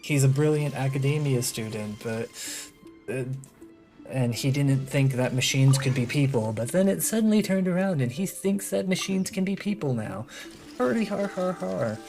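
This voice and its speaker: Game music underscores a streamer's loose live commentary as he thinks aloud and slips in snarky, opinionated comments. The voice is mid-range and expressive, delivered at a normal speed.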